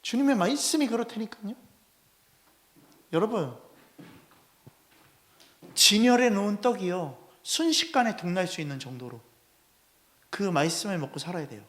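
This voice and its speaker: Brief: male head pastor with a high voice, preaching a lively Sunday sermon into a pulpit mic and pressing the congregation with questions. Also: moderate pace, long pauses. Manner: animated, constantly addressing the congregation with rhetorical questions. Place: church sanctuary.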